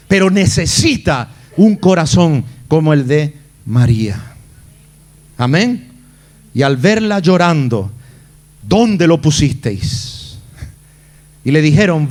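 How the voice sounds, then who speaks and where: Male pastor, high voice, dramatic sermon delivery. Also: darkish tone. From Spain. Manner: dramatic, acts out the Bible figures' lines.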